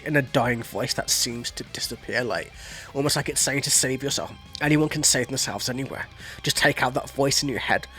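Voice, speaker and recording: Male reaction host, casual, profane, filler-heavy, average pitch. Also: a bit bright. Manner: loose and profane, full of "like" and "you know". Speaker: music reaction channel host. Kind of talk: casual reaction commentary, explaining lyrics.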